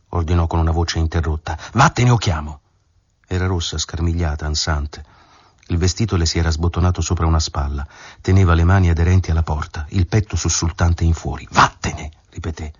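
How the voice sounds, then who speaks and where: Very deep, husky male audiobook narrator. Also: darkish tone, dry recording. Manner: measured, dramatic storytelling. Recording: dull lo-fi dry recording.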